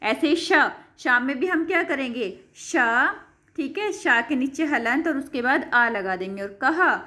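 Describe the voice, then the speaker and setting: A young woman teaches a class of children in a patient, repetitive way, saying each word slowly and calling the students "beta". Her voice sits high and carries clearly. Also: sharp tone. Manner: patient, repeats words and calls students beta. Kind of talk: Sanskrit lesson for children.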